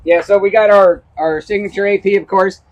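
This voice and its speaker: Man, barbecue co-host, casual cooking demo, enthusiastic, high voice, outdoors. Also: steady tone, a little fast, highs cut off. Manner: enthusiastic, explains step by step.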